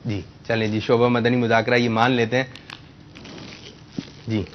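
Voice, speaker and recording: A man hosts a children's religious quiz in a TV studio. He speaks patiently and slowly repeats each answer to correct it. The sound is a little dull, with faint noise behind him. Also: medium pitch, flat delivery. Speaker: quiz show host.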